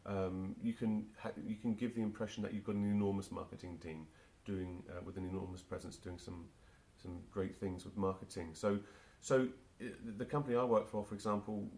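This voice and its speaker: Answering interview questions, a London man in his forties who works as a marketing automation specialist talks fairly quickly with few pauses. His voice sits low and darkish, with vocal fry, yet he's hesitant, restarting often and leaning on fillers.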